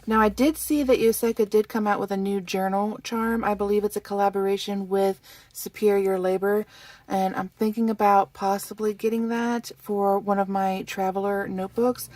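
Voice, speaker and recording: A woman's voice: medium pitch, a little mellow. Friendly woman vlogging about her pen stuff, kinda out of breath, sounds a little far from the mic. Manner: chatty and friendly, with fillers. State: a little winded. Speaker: stationery vlogger. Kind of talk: casual show-and-tell chat. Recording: voice a bit distant from the mic.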